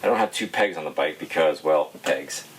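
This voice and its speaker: A man's voice: very deep voice, moderate pace, slight background noise, poor audio. A man casually talking his way through a bike build, rambling and muttering to himself as he tinkers. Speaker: BMX shop founder building a bike. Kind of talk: casual running commentary while working. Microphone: action camera mic.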